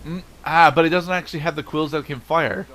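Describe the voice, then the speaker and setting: A man hosting a let's play, commenting casually and explaining things in a halting way, repeating himself mid-sentence. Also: fairly high pitch, fairly even intonation, a bit bright. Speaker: let's play host, player.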